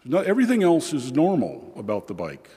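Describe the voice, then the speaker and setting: A man serving as priest, reading the gospel and then preaching slowly and measuredly, his voice carried by a long cathedral-like echo in a large church. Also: mid-range voice, huge pitch swings, dark tone, husky. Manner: slow and measured, with frequent "uh" fillers in the homily. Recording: reverberant church hall.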